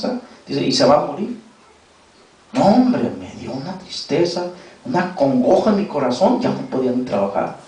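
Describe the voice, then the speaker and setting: A man's voice: a little high, a little mellow. A man with a Mexican accent preaching a sermon as pastor, telling a personal story and shifting his voice sharply for emphasis. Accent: Mexican Spanish. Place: church hall. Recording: very echoey church hall, distant mic.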